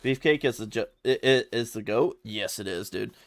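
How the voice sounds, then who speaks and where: A man's voice: fairly low pitch, normal speed, no room sound. A man chatting casually on a live stream while he plays, laid-back and slangy, often stuttering and repeating his words. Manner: slangy, laid-back, calls viewers brother and dude.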